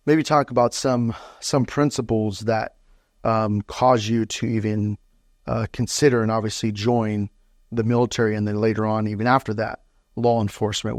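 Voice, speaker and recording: A man's voice: lowish voice, a little mellow, no echo, clean studio sound. A man hosting a local podcast, asking long, rambling questions full of fillers. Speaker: podcast host. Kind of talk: interview podcast.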